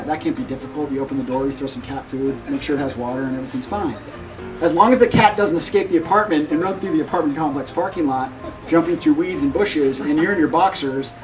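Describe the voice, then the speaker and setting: A man speaks without a script at a graduation ceremony, emotional and halting, with frequent ums and pauses. His voice is a little high and picked up from some distance, with music playing clearly behind. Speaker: surgical resident giving a graduation tribute. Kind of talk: unscripted speech at a ceremony.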